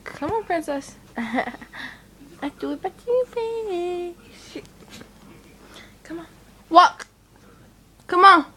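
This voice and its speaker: A woman's voice: extremely high pitch, very animated, slow pace, pauses often, darkish tone. A woman making a casual home video, coaxing her pet along in baby talk and swearing now and then. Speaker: pet owner.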